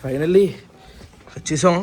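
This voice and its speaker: In this casual travel vlog shot on a handheld phone, a young man jokes with his friends while outdoors and on the move through airports and streets. His voice is a little high, slow and a little mellow, amid noisy street and traffic sound.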